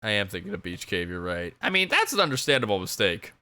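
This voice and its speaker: A woman streamer casually reacting to her game in low asides, swearing and laughing at herself. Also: very animated, quick pace, pushed and bright. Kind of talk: casual let's-play chat.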